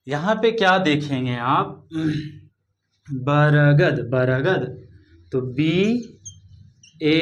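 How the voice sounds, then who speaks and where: Slow, patient Hindi-accented teacher, man. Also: on the high side. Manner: spells words letter by letter, drawn out; explains patiently, repeating words. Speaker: English teacher. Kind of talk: slow spelling lesson.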